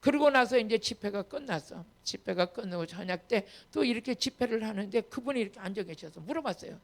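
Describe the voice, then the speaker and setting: Woman pastor preaching hard, kinda gravelly voice, emphatic, gets loud on the big lines. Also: medium pitch, lively intonation, quick pace. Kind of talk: sermon with personal testimony.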